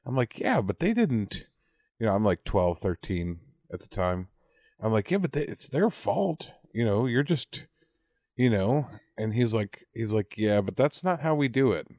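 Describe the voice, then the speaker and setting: This forties-aged American podcast co-host talks casually in a fairly low, slightly mellow voice with a sing-song lilt, going a little slow. Working through an anecdote, he tends to repeat words, and the recording is dry, free of any room sound.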